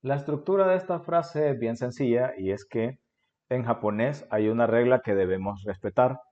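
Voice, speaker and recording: A man's voice: mid-range voice, moderate pace, dark tone, dull audio. A Honduran man in his forties with a Honduran Spanish accent, patiently explaining a beginner language lesson and often checking in with "ok?". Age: 40s. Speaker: Japanese teacher.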